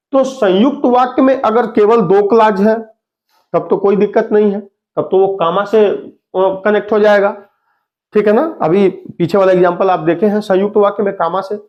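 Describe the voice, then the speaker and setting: A young man teaching English grammar in a Hindi-medium lesson, who explains slowly and repeats example sentences word by word. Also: sits high, darkish tone, highs cut off. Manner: addresses students as "beta".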